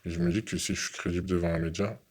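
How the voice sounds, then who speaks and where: A young man from France giving an earnest, halting interview testimony, often repeating his words. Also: deep voice, steady tone, a little mellow, breathy edge.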